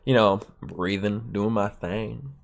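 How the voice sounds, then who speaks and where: Deep-voiced, stuffed-up man rambling casually. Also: takes it slowly, gravelly, a little hiss or hum. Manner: rambling, profane and laid-back, with many fillers. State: stuffed-up nose. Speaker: podcast host. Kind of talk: solo casual podcast chat.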